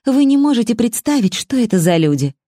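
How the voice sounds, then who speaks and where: A woman voicing a frightened, exhausted young woman in a storybook, speaking in a high, trembling, pleading voice. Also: sing-song, a little fast, mellow, no echo, studio quality. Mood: desperate.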